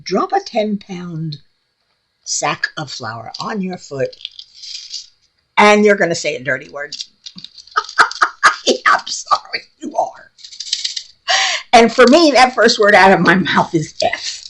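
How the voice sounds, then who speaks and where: Chatting from her home craft room, this middle-aged New Yorker talks bluntly and casually for her craft vlog, with a New York accent and frequent laughter. She speaks slowly with long pauses, in a fairly low, very animated, slightly bright voice, over slight background noise on poor audio.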